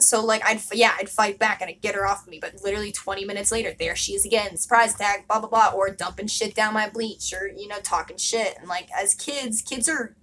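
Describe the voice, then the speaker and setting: Young woman, casual vlog, candid, emphatic, swears a lot, mid pitch, faint background ambience. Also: a bit bright, slight background noise, low-quality recording. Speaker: vlogger.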